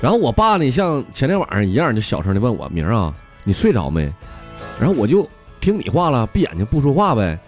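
A man's voice: medium pitch, huge pitch swings, fast talker, a little mellow, faint music behind. A man with a Northeastern Mandarin accent voicing a timid, whiny small boy in a comic story. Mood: plaintive.

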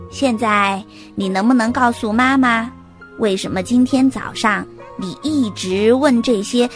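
Storybook mother bear, patient and soothing, unhurried; a woman plays her. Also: fairly high pitch, heavily acted. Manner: soft, soothing, reassuring. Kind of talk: children's story reading.

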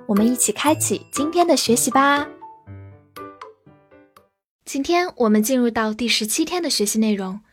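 A woman's voice: on the high side, slightly rough. A woman teaching English vocabulary in a scripted lesson, spelling each word out letter by letter. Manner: slow, spells words letter by letter.

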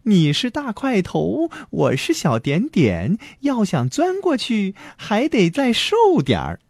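A cheeky, carefree little boy, as a man puts him on, with a light, raised voice that bounces up and down in a sing-song. It sounds soft and a little breathy, and the voice is close and dry. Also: high voice, wildly swooping pitch, unhurried, no echo, voice pushed up, exaggerated voice. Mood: sing-song teasing. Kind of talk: children's story reading.

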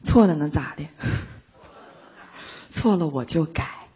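A woman giving a lively, playful motivational talk to a live audience, acting out little everyday scenes. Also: low voice, takes it slowly, husky. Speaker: speaker teaching a live audience.

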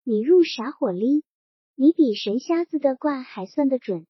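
A sly, self-assured bandit chief, coolly teasing and sure of himself, as a woman reading the story puts him on. The voice sits high and a little husky. The recording is dry and dull, with a lo-fi sound. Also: animated, normal speed, dry recording. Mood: hearty. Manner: cool, teasing, then curt.

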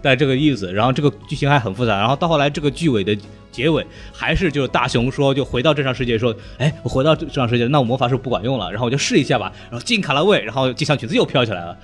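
A man's voice: medium pitch, very fast, hardly any pauses, soft background music. A man hosting a podcast, retelling cartoon plots in casual chat, rambling along and laughing often. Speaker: podcast host.

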